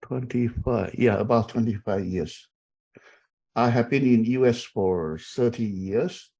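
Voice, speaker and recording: A middle-aged Taiwanese man, a university instructor, teaches a class over a video call in a loose, chatty way, full of fillers and repeated okays. His voice sits in the mid range, gravelly, mellow and husky, and he speaks at a measured pace.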